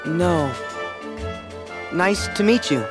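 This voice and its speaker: A man's voice: high voice, drawn-out words, over music. A man voicing Sora, a friendly, brave teenage boy in a game, with an earnest youthful manner and an American accent. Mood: friendly, eager. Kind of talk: animated game character acting.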